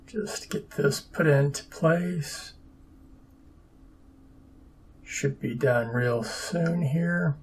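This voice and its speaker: A man's voice: fairly high pitch, slow, husky. A man narrating his own papercraft build in a casual, dry, sarcastic and self-deprecating way. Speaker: papercraft hobbyist.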